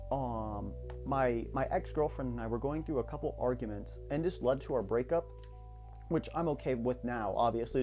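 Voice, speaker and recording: A young man in his late teens, a YouTuber, speaks candidly in a mid-range, slightly mellow voice. He reflects on things in his vlog, rambling somewhat and starting sentences over.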